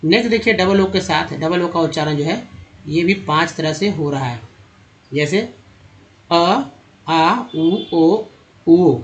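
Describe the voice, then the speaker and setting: Male teacher, slightly high voice, patient step-by-step pronunciation drills. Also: moderate pace, fairly bright tone, muffled recording. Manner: repetitive, explains step by step, addresses viewers as friends. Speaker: English teacher. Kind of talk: spoken pronunciation lesson.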